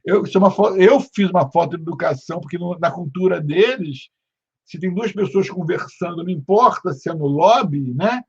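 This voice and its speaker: A Brazilian man hosting a casual interview chat, playful, with loud acted-out quotes and stammered restarts. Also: high-pitched, brisk, husky, dull audio. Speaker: host.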